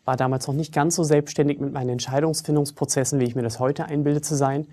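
A man in his thirties who grew up in Germany, a trainer giving a scripted video lecture in a lively, wry, self-ironic manner, recorded in a studio on a clip-on mic. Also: a little high, fast talker. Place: studio with a virtual library backdrop.

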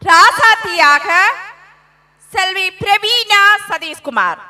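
A woman announcer gives a formal, measured introduction of a play's cast. Her voice is very high and very bright, and she speaks slowly. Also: lively intonation.

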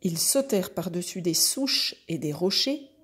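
Woman narrator for a kids' tale, unhurried, soft breathy timbre. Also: lowish voice. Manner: slow, even storytelling. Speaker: storyteller. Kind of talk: reading a children's story aloud.

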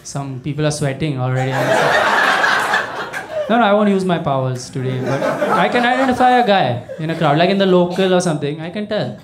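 A young man, talking into a handheld mic on a small comedy club stage. His delivery is conversational and very animated, and he slips into the voices of the people he quotes. Loud audience laughter sits in the background of this live club recording. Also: on the high side, a little fast, heavy background noise. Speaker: stand-up comedian. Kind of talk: stand-up comedy set.

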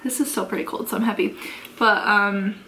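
A woman's voice: mid-range voice, fairly even intonation, brisk, sharp tone, slight background noise, poor audio. An American woman in her twenties chatting casually through a makeup tutorial, giggly drunk, rambling and swearing freely. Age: 20s. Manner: sweary, unfiltered. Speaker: beauty vlogger. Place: carpeted bedroom, indoors.

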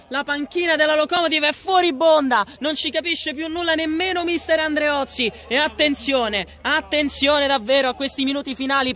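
A man giving excitable, breathless live football commentary. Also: very high voice. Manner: excitable, breathless running goal-action commentary. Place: outdoor floodlit football ground at night.

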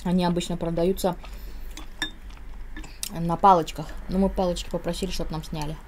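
A woman's voice: lowish voice, level tone, moderate pace, a little mellow, slight background noise. A woman vlogging a mukbang, talking with her mouth full as she explains each dish between bites. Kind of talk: casual mukbang chat.

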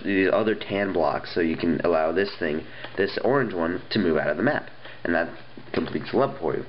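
In a low voice, a young app reviewer with a stuffy nose, coming down with something, chats and rambles about phone games at an indoor wooden table, full of ums and restarts. The recording is lo-fi with a little hiss or hum.

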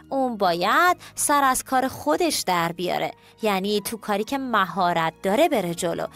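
A woman narrating a children's cartoon story in a lively, expressive way, speaking straight to the children. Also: medium pitch.

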